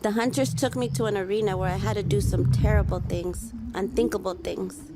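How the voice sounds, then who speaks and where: A woman's voice: mid-range voice, steady tone, brisk, lightly acted. A woman voicing a young lioness who tells her life story in the first person, like a storybook. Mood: sorrowful. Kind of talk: storybook narration. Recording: noisy background.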